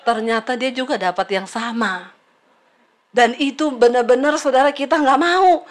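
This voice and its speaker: Middle-aged lady pastor preaching, highish voice, lively and teasing, talks right to the crowd. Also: moderate pace. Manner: lively, teasing, addresses congregation directly. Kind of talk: sermon.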